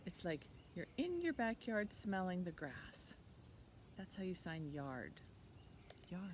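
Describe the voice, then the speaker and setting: Out in a leafy backyard, with the natural sounds of the outdoors around her, a woman in her fifties runs a children's library storytime for preschoolers. Her fairly low voice is slow and sing-song as she speaks in short, easy phrases and asks the little ones encouraging questions.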